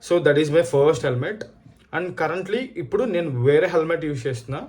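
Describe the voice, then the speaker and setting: A man from India with a Telugu accent vlogs casually, reviewing a product and telling stories to viewers while code-switching often between Telugu and English. His voice is a little high and a little mellow, at a moderate pace.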